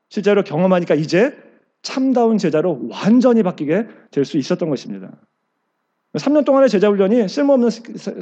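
A man's voice: sits high, dark tone, highs cut off. A male pastor preaching a sermon, asking the congregation questions and answering them himself, and acting out quoted lines.

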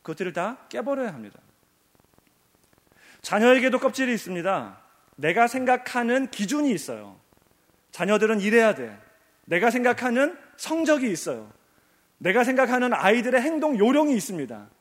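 A man's voice: very high-pitched, very animated, moderate pace, long pauses, in a large hall. A male pastor preaching a sermon, emphatic and repetitive, asking rhetorical questions, in a church sanctuary.

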